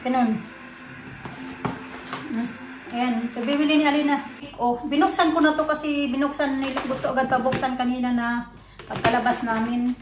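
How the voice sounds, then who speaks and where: Filipina mom chatting away at home on her phone, kinda high voice, roomy echo and noisy background. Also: steady tone, normal speed, pauses often. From Philippines. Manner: switches between English and Tagalog mid-sentence, chatty. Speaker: vlogger, mother. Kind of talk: casual home vlog chat. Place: home in the UK, kitchen and living room. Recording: echoey room with background noise.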